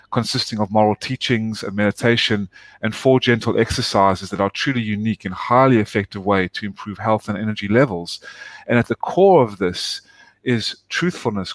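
An earnest man from South Africa, speaking as a guest in a long interview. His voice is fairly low and the sound is dry and close, with little room around it. He talks with steady, heartfelt emphasis. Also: no echo. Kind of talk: interview conversation.

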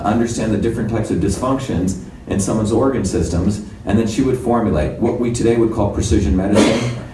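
A man's voice: fairly low pitch, warm tone. A man in his fifties from India, giving a conversational, explanatory conference talk with slides. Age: 50s. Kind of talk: lecture with slides. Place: conference room. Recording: roomy hall, far from mic, faint noise.

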